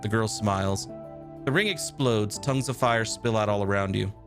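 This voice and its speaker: A male streamer reading a video game's text aloud with a steady storytelling delivery. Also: on the low side, normal speed, over music.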